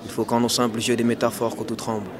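Monotone man reciting slam poetry. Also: mid-range voice, fast. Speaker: student and slam poet. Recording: outdoor crowd chatter behind.

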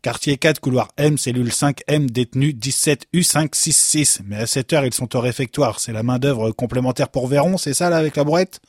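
A man's voice: medium pitch, moderate pace, hardly any pauses, husky, dry recording, clean studio sound, voice pushed up, close to an everyday voice. A man voicing a tired, grumbling prison clerk. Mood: grumpy. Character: grumpy, weary male prison clerk.

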